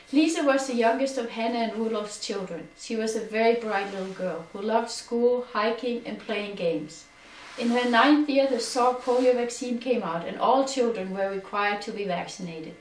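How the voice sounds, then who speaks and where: A middle-aged Danish woman giving an earnest personal testimony, her voice sinking quieter on sad memories. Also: mid-range voice, slight background noise. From Denmark. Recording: echoey room, distant from mic.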